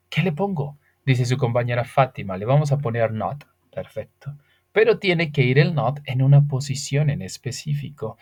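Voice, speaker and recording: A man's voice: medium pitch, a little mellow, dull audio. Patient Spanish-speaking man teaching English grammar. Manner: patient, explains step by step with rhetorical questions. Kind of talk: online English grammar lesson.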